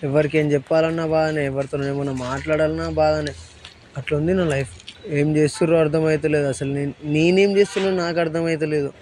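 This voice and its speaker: A man's voice: on the high side, steady tone, fast talker, a little mellow, a little hiss or hum. A young man with a Telangana Telugu accent, defiant in an argument with his partner and dejected and weary when talking alone. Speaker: vlogger. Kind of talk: arguing, then weary reflection.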